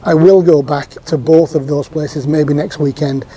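A man in his fifties talks straight to a fixed camera from a sofa on an outdoor patio, recapping a day out in an easy, rambling way full of ums and restarts. His voice sits a little high for a man, with a husky edge and a mellow, relaxed tone. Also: measured pace. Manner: chatty, with frequent ums and restarts. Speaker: theme park vlogger.

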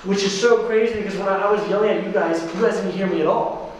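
A man's voice: high-pitched, steady tone, quick pace, heavy reverb. Young male ghost hunter, casual talk, distant in a noisy abandoned building. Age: young adult. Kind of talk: casual night vlog chat. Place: abandoned building corridors at night.

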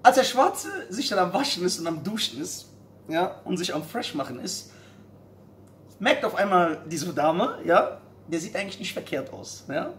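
A man telling a long joke in casual stand-up style. His pitch is very lively and he keeps tossing in little checking questions. There is faint noise in the background. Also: moderate pace. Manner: animated, filler-heavy ("ja?"). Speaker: comedian.

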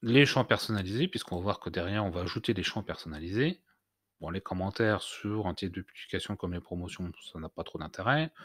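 Hesitant low-voiced man teaching software. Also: no room sound, studio quality. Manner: hesitant, many "heu" fillers and restarts. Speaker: tutorial host. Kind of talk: screen-recorded software tutorial.

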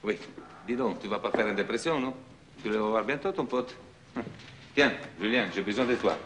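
Un acteur jouant un expert en assurance ironique et agacé, au ton taquin, dans une série télé. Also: male voice, lowish voice, normal speed, noisy background, natural voice. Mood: dry. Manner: exasperated, bantering. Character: wry middle-aged male insurance investigator. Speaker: insurance expert. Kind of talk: 1980s TV series acting.

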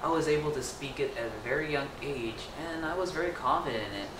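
Speaking fast in a fairly high voice, an Indonesian-native teen boy delivers a playful, animated story to a camera from across a small room with wallpaper. He gestures and drops in jokey asides, while the distant mic picks up echo and faint noise.

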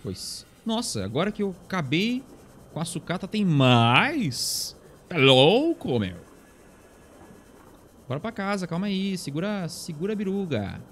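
Streaming a survival game live, a young man with a Brazilian Portuguese accent speaks in a high, sing-song voice at a moderate pace with long pauses. Game music and slight background noise sit behind his chatty self-talk as he thanks people in chat.

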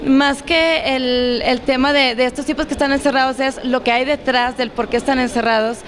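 A woman's voice: high voice, steady tone, normal speed. A young woman from Mexico, an actress and series creator, speaking earnestly and reflectively with fillers into a handheld mic at a press event. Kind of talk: press interview. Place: event press wall, indoors. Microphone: handheld reporter mic. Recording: crowd chatter behind.

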